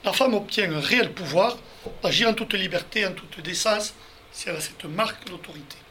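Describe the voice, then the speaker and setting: Teaching a Bible study, this man walks his group through the verses one step at a time and speaks to them directly. His voice sits high and sounds bright and forceful, his delivery fairly quick, with a little hiss or hum underneath.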